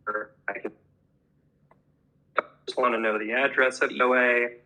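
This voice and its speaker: A man's voice: mid-range voice, fairly even intonation, a little slow, bright, forceful tone, poor audio. A man giving a technical conference talk over a video call, his audio cutting out, with many fillers like "uh" and "like". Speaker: presenter.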